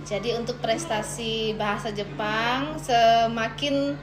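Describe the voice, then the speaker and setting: High-voiced Indonesian woman explaining, echoey room. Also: fairly even intonation, slow pace, music in the background. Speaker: teacher of Japanese, podcast guest. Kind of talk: conversational explanation in an interview. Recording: echoey room with clear noise.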